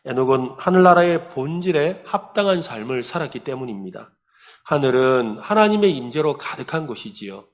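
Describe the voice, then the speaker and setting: Male pastor, sermon, animated pitch, fairly high voice, storytelling. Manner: animated storytelling, asks the congregation questions.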